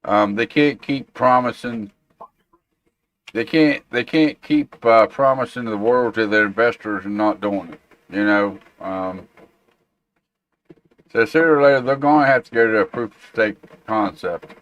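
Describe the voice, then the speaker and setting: A man's voice: fairly low pitch, a little slow, a bit bright, muffled recording. A man hosting a tech show, chatting casually and informally and reacting to viewer comments. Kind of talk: casual livestream chat.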